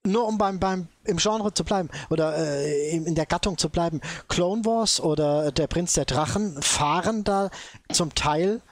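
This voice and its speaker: Higher-voiced man, measured and hesitant. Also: no room sound. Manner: measured and hesitant, weighs his words. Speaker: podcast co-host. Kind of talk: casual discussion.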